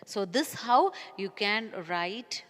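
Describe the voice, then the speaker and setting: Teacher lady, super slow and careful, crisp bright voice, long echo in the room. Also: medium pitch, animated. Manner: slow, deliberate, spelling out syllables and calling listeners "dears". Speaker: primary school English teacher. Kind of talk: recorded classroom lesson for young children.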